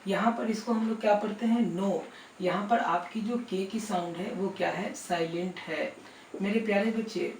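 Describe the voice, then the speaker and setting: A man's voice: high voice, slight background noise. A man teaching an English lesson, fondly addressing his students and repeatedly asking them rhetorical questions. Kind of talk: classroom lesson video. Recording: roomy and distant with faint music.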